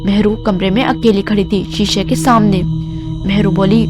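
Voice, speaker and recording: A woman narrating a scripted horror story in a measured, suspenseful way. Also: medium pitch, steady tone. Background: music.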